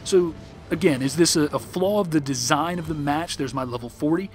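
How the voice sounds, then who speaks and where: A man hosting a casual game commentary show, musing aloud with rhetorical questions and many fillers, his voice close to going hoarse on a backup mic. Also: on the high side, brisk, faint music behind. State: nearly hoarse. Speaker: show host.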